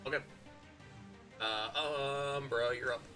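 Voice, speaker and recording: A man running a tabletop game as game master, giving casual, quick rulings. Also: medium pitch, steady tone, pushed and bright, soft background music.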